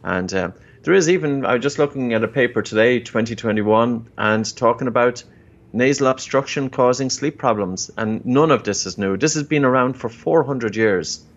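A man's voice: medium pitch, moderate pace. A man giving explanatory health advice as an expert in conversation, instructive and repeating key phrases for emphasis. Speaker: breathing expert guest and co-host. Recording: dull, band-limited remote audio.

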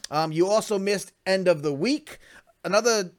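A man hosting a casual solo podcast, talking fast and animated about local events, with lots of fillers and restarts. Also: high voice. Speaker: podcast host.

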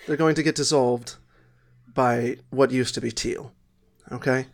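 A man's voice: mid-range voice, fairly even intonation, a little slow. A man playing a tabletop game, laying out a plan urgently and checking that everyone agrees. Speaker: player. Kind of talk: in-character tabletop play.

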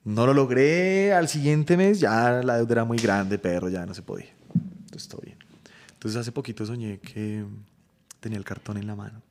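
A man's voice: medium pitch, moderate pace. A man from Colombia, a guest comedian, chatting casually and joking in slangy talk on a podcast. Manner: laid-back, joking, slangy.

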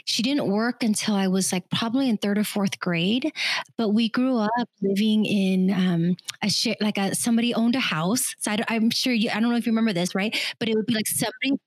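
A middle-aged woman from Vietnam, co-hosting a podcast, telling a personal story in an animated way with quick asides. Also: medium pitch, no room sound. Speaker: podcast co-host. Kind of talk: casual conversation.

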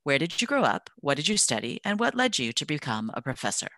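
A woman's voice: sits low, fast talker, dry recording. A woman hosting a podcast, reading a polished introduction and asking questions. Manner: bright, lively, polished. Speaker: podcast host.

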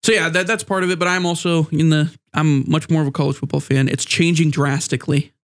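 A man with a somewhat high voice and a stuffed-up nose hosts a casual sports podcast. He sounds a bit under the weather with a sore throat and talks in a loose, rambling, conversational flow. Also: fairly even intonation, quick pace. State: mildly sick with a sore throat. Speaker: podcast host.

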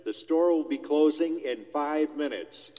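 A man's voice comes over a store loudspeaker, set a little high and polite in a formal announcing manner. The sound is dull and muffled, and it rings out with a long, hall-like echo from some distance away. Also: unhurried.

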